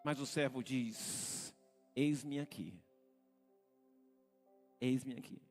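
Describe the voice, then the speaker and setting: A man with a Brazilian Portuguese accent, a senior pastor preaching a live church sermon, repeating phrases and calling out to the congregation as he builds to shouted peaks. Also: mid-range voice, extremely slow, faint music behind. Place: church sanctuary.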